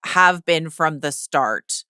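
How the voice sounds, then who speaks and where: A woman co-hosting a podcast, chatting casually about a TV episode and reading out listener emails with animated disbelief. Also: deep voice, takes it slowly, clean tone, dry recording, clean studio sound. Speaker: podcast co-host. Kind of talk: casual TV recap chat.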